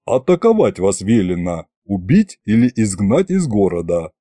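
A man's voice: fairly low pitch, very animated, normal speed, mellow, dry recording, clean studio sound, pitched below the performer's own voice. A man voicing a nervous young guard officer who speaks in a subdued, hesitant way. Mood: grudging hushed.

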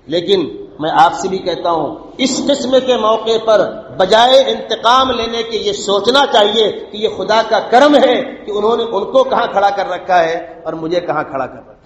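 A male preacher giving a sermon, telling a scripture story, acting out its dialogue and chanting Arabic verses. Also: high voice. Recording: echoey hall, dull lo-fi sound.

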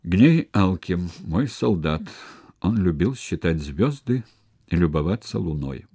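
A man reading an audiobook, voicing a rough, scarred Roman centurion who speaks heavily and grimly. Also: low-pitched, sing-song, slow pace, warm tone, full character voice.

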